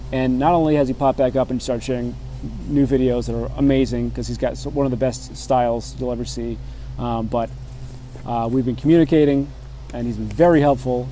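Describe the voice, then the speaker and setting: Mellow-voiced laid-back man reading shout-outs. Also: medium pitch, slight background noise. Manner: laid-back, jokey, swears casually. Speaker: bonsai channel host. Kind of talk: casual shout-out roll call.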